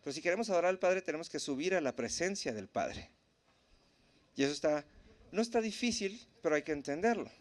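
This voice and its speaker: A man teaching at a church in a relaxed, conversational way, often checking in with the congregation. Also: on the high side, fairly quick. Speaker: preacher.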